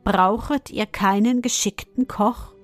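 Woman doing a small dwarf, humble, polite, gentle storybook voice. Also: mid-range voice, fairly even intonation, slow pace, faint music behind, natural voice.

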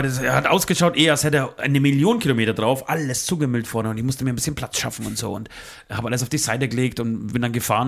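Fast-talking man in his forties telling a story. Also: mid-range voice, vocal fry. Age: 40s. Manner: rambling storyteller, swearing, acts out both sides of phone calls. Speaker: podcast co-host. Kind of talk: casual podcast confession story.

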